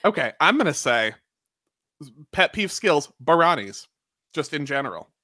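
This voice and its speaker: A man's voice: fairly high pitch, very animated, unhurried, pushed and bright, no echo, clean studio sound. A man co-hosting a podcast in casual chat, opinionated and dryly sarcastic. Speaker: podcast co-host.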